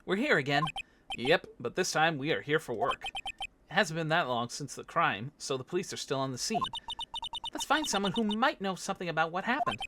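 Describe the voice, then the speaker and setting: A woman's voice: low voice, very animated, a little fast, background noise. A woman reading an earnest young male lawyer. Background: game music.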